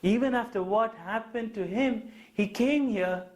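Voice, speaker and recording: A man's voice: high-pitched, unhurried. A kind young princess from a kids' tale, pleading earnestly with her father, as a man reads her lines. Her voice stays close to an everyday speaking voice.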